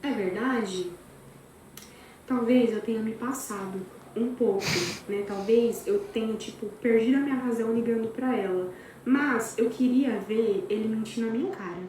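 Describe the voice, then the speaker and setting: A woman's voice: on the high side, normal speed, mellow. A young adult Brazilian woman telling a gossip story in a chatty, dramatic way, speaking straight to her friends. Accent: Brazilian Portuguese. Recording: very echoey room, far from mic, faint noise.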